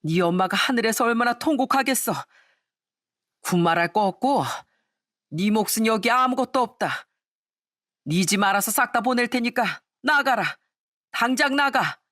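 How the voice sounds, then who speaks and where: A woman voicing an angry older father-in-law in a storybook drama, shouting and scolding. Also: on the high side, expressive, normal speed. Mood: furious. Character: furious old father-in-law, scolding his son.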